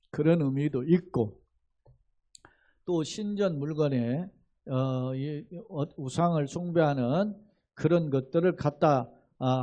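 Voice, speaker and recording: A man preaching an expository sermon as pastor, conversational and animated, asking rhetorical questions and acting out quotes. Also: on the high side.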